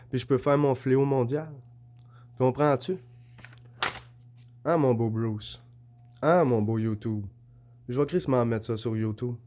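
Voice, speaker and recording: A man with a Québécois French accent talks straight to camera in a rambling, insistent monologue. He keeps asking whether he is understood and holds up his notes and drawings as he goes. His voice sits at an ordinary middle pitch for a man. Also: dark tone. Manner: shows notes and drawings while talking. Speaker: vlogger.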